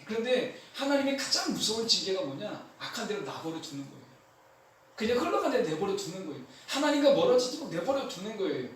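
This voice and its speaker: A man preaching a sermon as pastor, animated and repeating his key phrases. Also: high-pitched, a little hiss or hum. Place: church sanctuary. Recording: echoey church hall, mic from far off.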